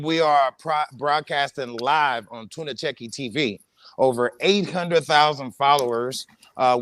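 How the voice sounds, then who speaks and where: A man hosting a live online panel in an emphatic, preacher-like cadence, repeating his key phrases for weight. His voice sits at an ordinary middle pitch. The recording is dry and close, with no room sound. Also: a bit bright, dry recording. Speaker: host.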